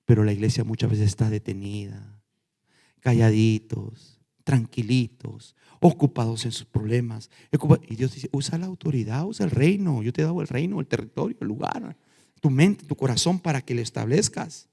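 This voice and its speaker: A male pastor preaching a sermon, swinging from loud emphatic lines down to hushed ones. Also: mid-range voice, moderate pace, creaky, slightly rough. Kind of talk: Spanish-language sermon. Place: church. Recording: long church reverb.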